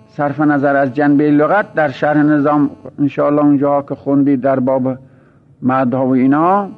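A man teaching an informal seminary lecture, explaining points in a conversational way with repeated examples and chuckling anecdotes, on a dull lo-fi recording. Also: mid-range voice. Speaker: religious teacher.

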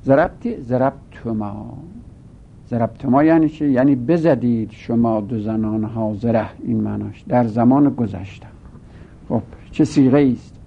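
A man teaching a grammar lesson, asking and answering his own questions and drawing out his words. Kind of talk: grammar lesson, explaining step by step. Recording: gravelly voice on a tinny phone-like line with faint rumble.

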